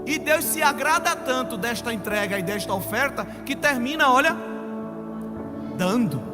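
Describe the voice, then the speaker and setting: High-voiced preaching pastor, man. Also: animated, moderate pace. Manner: emphatic preaching, swelling to loud declarations. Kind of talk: sermon. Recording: long hall reverb with music.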